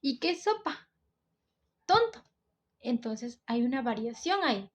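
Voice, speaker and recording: Teenage girl, Peruvian coastal accent, slightly high voice, school explainer, step-by-step delivery. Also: lively intonation, moderate pace. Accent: Peruvian coastal Spanish. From Peru. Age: teens. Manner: explains step by step, often says "entonces". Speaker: student presenter.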